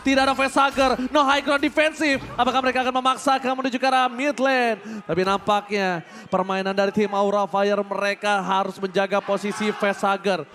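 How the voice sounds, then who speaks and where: A man with an Indonesian accent doing live esports commentary like a fighting game announcer, with dramatic shouted calls. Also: high voice, fairly even intonation, fairly quick, few pauses.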